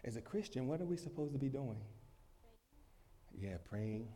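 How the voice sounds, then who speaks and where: A pastor with a cold preaches a lively sermon to a congregation in a church, a man's voice of middle pitch that rises loud for emphasis and then drops to quiet asides. He laughs easily between points. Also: moderate pace. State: has a cold.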